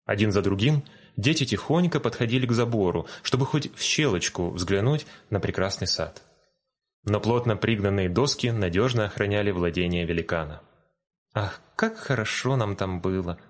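A man reading a fairy tale aloud in a calm, gentle storytelling manner. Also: on the low side, normal speed. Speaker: narrator. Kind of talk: storybook narration.

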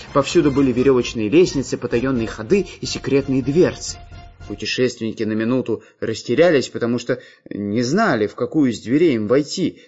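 A man narrating a children's fairy tale in an expressive, lively reading. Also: medium pitch. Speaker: audiobook narrator. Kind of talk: storybook narration. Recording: slightly dull, faint music.

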